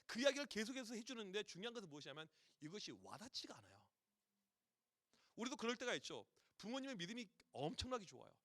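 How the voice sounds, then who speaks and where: A male pastor preaches with a high, very animated voice that swoops through a wide range. He talks fast in a vivid storytelling manner, slipping into the voices of the people in his stories. The sound is close and dry. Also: dry recording. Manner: lively storytelling, acting out voices of parents and children. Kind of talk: sermon at a youth retreat.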